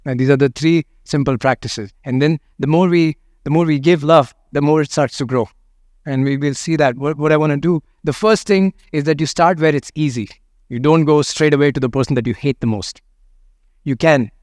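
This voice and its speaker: A man speaking as a meditation teacher, guiding listeners in a gentle, unhurried manner. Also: on the high side, no echo, clean studio sound. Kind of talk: guided meditation and talk on loving kindness.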